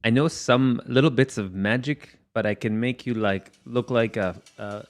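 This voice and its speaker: A man chats as a player in a fantasy tabletop game. He improvises casually in a medium-pitched voice over background music. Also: moderate pace.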